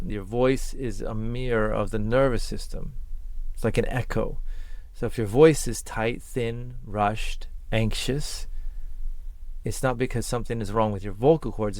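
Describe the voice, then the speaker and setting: A man's voice: lowish voice, no echo. A man talking as a voice coach, giving an earnest and encouraging spoken lesson in short listed phrases.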